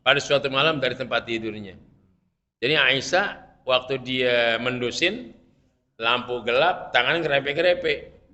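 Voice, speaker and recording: A man with a Betawi Jakarta accent teaching a casual religious lesson, reading Arabic and explaining it in colloquial speech with humor, his voice swinging from loud to soft. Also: mid-range voice, a little slow, long pauses. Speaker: Islamic preacher teaching fiqh. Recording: muffled lo-fi sound.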